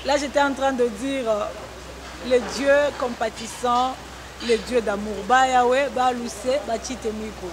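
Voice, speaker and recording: A woman gospel singer from the Congo-Zambia border region answers a talk show interviewer earnestly, offering testimony with hesitant restarts. Her voice is a little high and steady, at a measured pace, captured in a noisy broadcast recording.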